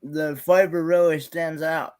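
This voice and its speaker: A man co-hosting a casual livestream taste test with a slightly high voice. He answers briefly and mumbles a little as he tries the food. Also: steady tone, unhurried, darkish tone. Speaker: co-host.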